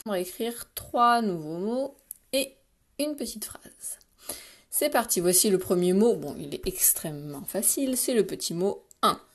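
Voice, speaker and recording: A woman teacher, giving a slow, carefully articulated spelling dictation to young pupils and addressing them directly. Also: mid-range voice, animated. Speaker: primary school teacher.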